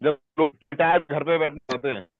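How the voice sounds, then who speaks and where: A man's voice: fairly high pitch, fairly even intonation, a little fast, a loud crowd. A man talking earnestly in a casual online discussion while his call audio keeps breaking up and dropping out. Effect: call audio breaking up, signal dropping out. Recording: tinny phone-like line, dry.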